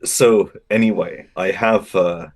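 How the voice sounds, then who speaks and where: Halting, low-pitched man telling a wry anecdote. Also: steady tone, darkish tone. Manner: halting, stammering, repeats phrases; wry, dry self-deprecating humor. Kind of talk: casual humorous podcast storytelling.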